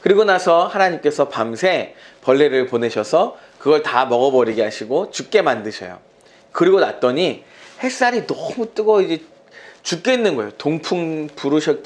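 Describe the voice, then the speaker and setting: A middle-aged man preaching to a youth group, telling the story in a chatty, animated way with playful asides. His voice is a bit high for a man and swings widely in pitch. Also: moderate pace. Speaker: youth pastor.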